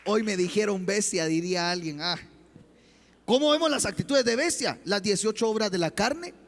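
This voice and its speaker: A man's voice: high voice, lively intonation, normal speed. A man preaching a sermon as pastor, impassioned and full of rhetorical questions, in a church. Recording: long church hall reverb.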